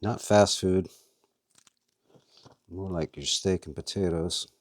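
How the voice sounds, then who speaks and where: A man's voice: deep voice, fairly even intonation, slow pace, no echo, studio quality. A man hosting a casual how-to video, chatting as he works and talking to his worms. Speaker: vlog host and worm farmer.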